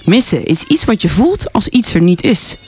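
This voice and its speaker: A woman voicing a matter-of-fact, brisk male ant while reading a storybook aloud, in a knowing tone. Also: medium pitch, very animated, darkish tone, slightly rough.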